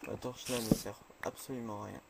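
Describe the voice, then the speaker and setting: A man chatting through a game, nervous and quick to say he is scared. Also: lowish voice, steady tone, vocal fry, heavy background noise. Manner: jumpy, chatty, easily scared. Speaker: gamer. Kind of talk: casual let's play commentary.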